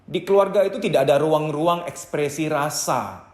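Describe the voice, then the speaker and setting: A man's voice: a little high, normal speed, echoey room. A man giving a psychology lecture, emphatic and instructive, speaking directly to his listeners. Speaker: psychology trainer. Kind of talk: lecture to camera.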